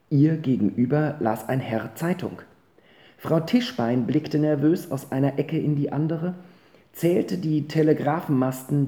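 An audiobook narrator reading a children's novel in an expressive, animated way. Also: medium pitch. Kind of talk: storybook narration. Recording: roomy echo.

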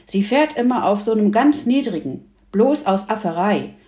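A woman's voice: medium pitch, lively intonation, normal speed, mellow, reverberant, lightly acted. A woman doing a stubborn eager boy.

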